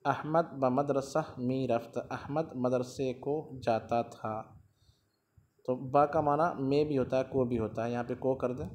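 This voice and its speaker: A man with an Indian Urdu accent gives a grammar lesson in a middle-pitched voice. He explains each point patiently, saying a form and then repeating it with its meaning. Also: a little mellow, a little hiss or hum. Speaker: teacher.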